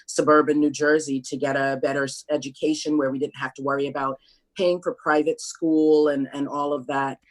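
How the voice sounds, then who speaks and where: Thoughtful middle-aged woman, measured speech. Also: a bass voice, poor audio. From Brooklyn, New York, USA. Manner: thoughtful, measured, with frequent ums and restarts. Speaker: interview guest. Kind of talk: candid sit-down interview.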